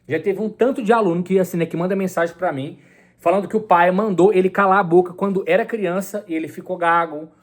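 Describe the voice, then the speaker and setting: Brief: young Brazilian man, speech coach, high-pitched voice, earnest and repetitive to-camera talk. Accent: Brazilian Portuguese. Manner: earnest, repetitive, addresses viewers as "gente".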